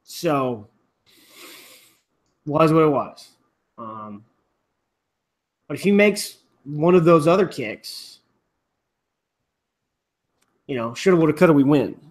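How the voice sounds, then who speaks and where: A man's voice: fairly high pitch, expressive, slow pace, pauses often. A man hosting a casual chat, rambling with restarts and the odd swear. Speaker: rugby podcast host.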